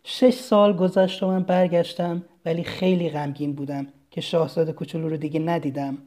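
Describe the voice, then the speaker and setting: This is storybook narration: a children's tale told in the first person, read aloud in a calm, steady manner by a storyteller with a mid-range voice.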